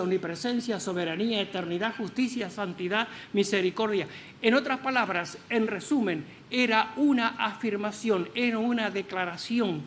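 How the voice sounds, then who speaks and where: A man's voice: sits high, fairly bright tone, slight background noise. A man preaching in church, explaining scripture with many rhetorical questions and stressed words. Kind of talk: sermon.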